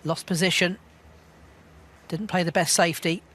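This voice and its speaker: A man giving hushed live snooker commentary in a measured, understated way. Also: sits high, fairly even intonation.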